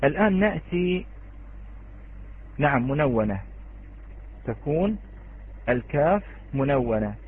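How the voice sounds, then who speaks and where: A man teaching Quranic readings in an online lesson, speaking slowly, repeating key words and addressing his students directly. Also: on the high side, lively intonation, husky. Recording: tinny phone-like online call.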